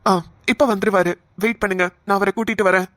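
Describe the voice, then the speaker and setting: A woman voicing a hospital doctor in a cartoon who calmly explains and soothes a worried relative. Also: medium pitch, quick pace, background noise, natural voice. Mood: soothing. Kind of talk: cartoon voice acting.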